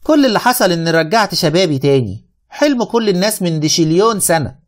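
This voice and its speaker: A man with an Egyptian accent narrating a radio drama in the first person, with wry, lively storytelling. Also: sits high, fast talker.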